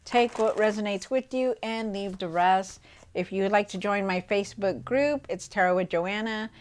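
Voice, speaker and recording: A woman's voice: medium pitch, moderate pace. A woman tarot reader talking casually to her viewers, with lots of fillers and asides. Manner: chatty, many fillers and asides.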